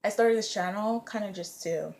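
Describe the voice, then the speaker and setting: A woman's voice: mid-range voice, moderate pace, darkish tone. A young woman in her twenties, raised in the US, chatting casually and rambling with lots of fillers. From Nigeria, raised in the US. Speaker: vlogger and English teacher. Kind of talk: casual vlog chat.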